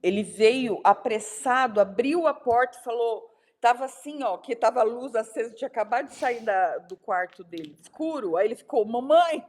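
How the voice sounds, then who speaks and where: A woman's voice: a little high, animated, moderate pace, few pauses. Earnest Brazilian woman pastor telling a story. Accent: Brazilian Portuguese. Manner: earnest storytelling, reliving a family episode. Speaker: pastor and missionary guest. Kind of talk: personal testimony told in a live online conversation.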